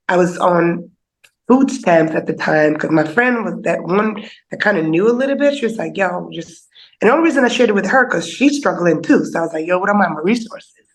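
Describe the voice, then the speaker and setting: A woman's voice: lowish voice, vocal fry, poor audio. Candid woman telling her story. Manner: candid and conversational, heavy on fillers like "you know". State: a little teary, emotional. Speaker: podcast guest. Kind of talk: casual personal storytelling.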